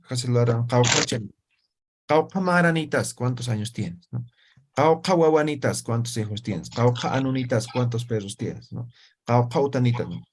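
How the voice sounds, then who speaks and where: A man's voice: medium pitch, normal speed. A man, an Aymara speaker, teaching an Aymara language class and checking understanding with frequent tag questions. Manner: explains with constant "¿no ve?" tag questions. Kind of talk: classroom lesson.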